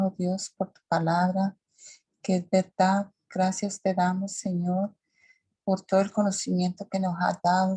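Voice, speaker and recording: A woman's voice: on the low side, poor audio. A woman leading an earnest spoken prayer, repeating her words of thanks. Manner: earnest repetitive prayer, flat delivery. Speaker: group member leading prayer.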